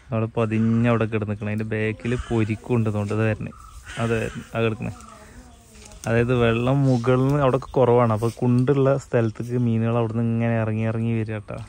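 Fast-talking Kerala man outdoors. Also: mid-range voice, flat delivery, a little mellow, slight background noise. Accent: Malayalam, Kerala. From Kerala, India. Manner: chatty, explaining to viewers, tag questions. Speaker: fishing vlogger. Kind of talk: casual outdoor commentary. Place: outdoors in paddy fields and a yard. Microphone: phone camera held by the speaker.

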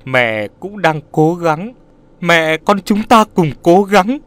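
A male narrator voicing a sorrowful older mother who gently consoles her son-in-law. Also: fairly high pitch, animated, takes it slowly, no echo, voice pushed up. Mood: consoling. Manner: soothing, pleading.

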